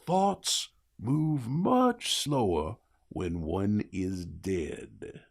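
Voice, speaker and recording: A man voicing a mocking, cigar-smoking Satan in an audiobook, with a slow, drawn-out, folksy delivery. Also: on the low side, very animated, vocal fry, pitched below the performer's own voice, full character voice. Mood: smug, matter-of-fact.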